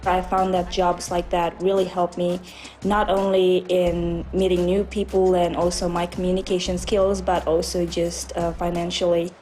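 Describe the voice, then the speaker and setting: A woman's voice: lowish voice, completely flat delivery, moderate pace, darkish tone. A young woman from Indonesia, talking about her life in a personal documentary interview, chatty and a little hesitant. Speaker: featured resident.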